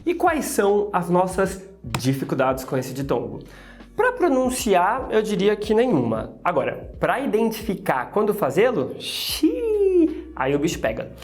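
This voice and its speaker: A Brazilian woman with a lowish voice gives a playful, chatty pronunciation lesson, her pitch swinging widely as she tosses in exclamatory asides. Faint music plays underneath. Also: wildly swooping pitch, moderate pace, a little mellow. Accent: Brazilian Portuguese. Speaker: English teacher. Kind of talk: casual explanatory lesson.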